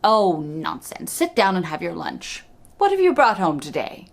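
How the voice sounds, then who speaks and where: A woman voicing a kindly, motherly giantess in a fairy tale, brisk and soothing. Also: on the low side, very animated, creaky, heavily acted.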